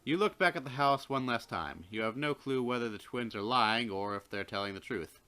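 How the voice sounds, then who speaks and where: A man's voice: mid-range voice, expressive, fairly quick, pushed and bright, smooth. A man co-hosting a game playthrough, reading the game's narration aloud and chatting. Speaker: let's play co-host.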